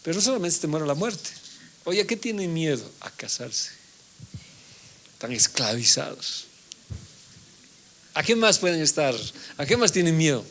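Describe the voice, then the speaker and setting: A man's voice: fairly high pitch, moderate pace, gravelly, long pauses, slight background noise. A man teaching a Bible class as a pastor, reading scripture aloud and putting questions to his listeners that he then answers himself. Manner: animated preaching, reads scripture aloud, asks the congregation questions. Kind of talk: sermon.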